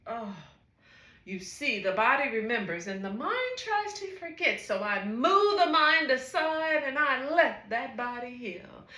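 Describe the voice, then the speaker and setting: A woman, a psychotherapist, performing a slow spoken-word monologue with soft, lilting exclamations. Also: high voice, expressive. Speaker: psychotherapist and wellness coach. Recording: echoey room.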